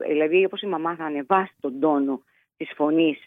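A woman psychologist giving measured advice as a podcast guest, pausing and restarting often, heard over a phone line. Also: low-pitched, no echo. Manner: measured, explanatory, with frequent hesitations.

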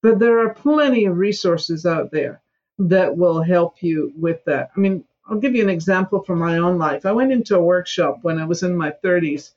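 A Scottish woman in her seventies speaks at a moderate pace in a lowish voice with a darkish tone, and the audio is dull. As a podcast interview guest, she talks emphatically and sometimes mimics whiny excuses.

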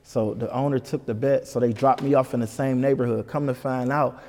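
A man telling a story as an interview guest, animated and full of "you know what I'm saying.". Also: medium pitch, fairly quick, big-room sound. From Detroit. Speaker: comedian guest.

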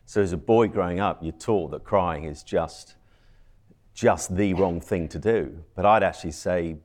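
A man's voice: low voice, unhurried, a little mellow. A man speaking reflectively and earnestly as a guest on a discussion panel.

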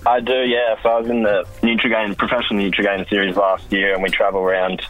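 A man's voice: lowish voice, little pitch movement, quick pace, fairly bright tone, low-quality recording. An Australian man chatting casually as a contestant on a radio phone-in. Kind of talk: casual chat. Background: music.

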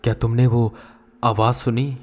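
A man's voice: medium pitch, flat delivery, a little slow, darkish tone, lightly acted. Casting: a man as a scared young guy in a horror audio story, urgent and fearful.

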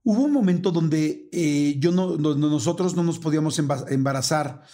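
Lively Mexican man telling a story. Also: fairly high pitch, moderate pace. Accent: Mexican Spanish. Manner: animated, acts out dialogue in quoted voices. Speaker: podcast host. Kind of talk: casual storytelling chat.

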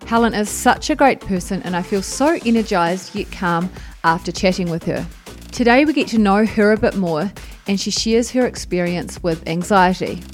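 A woman hosting a podcast, chatting casually with a guest and laughing often. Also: medium pitch. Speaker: podcast host. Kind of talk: casual interview chat.

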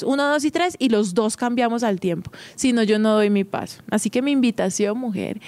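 A woman hosts an advice podcast, speaking conversationally and encouragingly straight to the listener and often using tag questions. Her voice is fairly high with a darkish tone, and there's no room sound.

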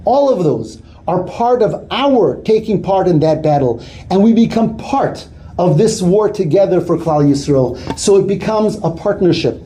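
A man giving an earnest sermon as a rabbi, weaving in a story told with lively quoted dialogue. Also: high voice, moderate pace, slight background noise. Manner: earnest, builds to animated retelling of quoted dialogue.

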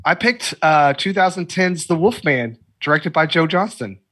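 A man co-hosting a podcast, speaking in brief, dry remarks with a husky voice. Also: a little high, lively intonation, normal speed, fairly bright tone. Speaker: podcast co-host. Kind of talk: casual chat.

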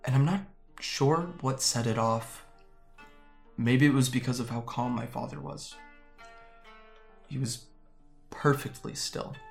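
An actor playing a guarded young man from Japan, quietly recounting how he fled home in an audio drama. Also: medium pitch, gravelly, soft background music. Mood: somber. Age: young adult. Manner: soft, hesitant storytelling with halting restarts. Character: young man, guarded and wry, recalling his escape. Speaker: interviewee.

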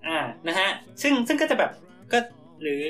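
A man's voice: high voice, big pitch swings, normal speed, fairly bright tone, faint music behind. A man co-hosting a casual podcast, telling an improvised story with many fillers and restarts. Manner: rambling, full of fillers and restarts. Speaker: podcast co-host.

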